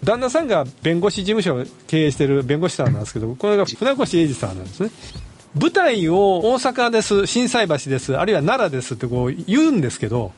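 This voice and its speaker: A man with a Kansai accent hosting a casual film chat, chatty and quick with backchannels. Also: high voice, sing-song. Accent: Kansai Japanese. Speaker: podcast host.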